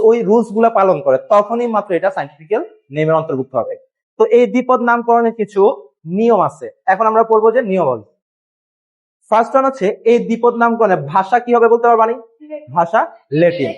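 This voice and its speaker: In a classroom lesson captured with dull, lo-fi sound, a man with a high voice teaches biology at a board. He quizzes his students and answers his own questions, spelling out terms one letter at a time.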